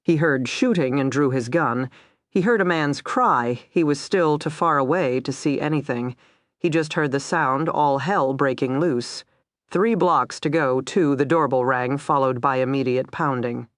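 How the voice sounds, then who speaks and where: A woman narrating a dark crime thriller audiobook, tense and steady, voicing every character herself. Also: a bass voice, unhurried, dry recording, studio quality.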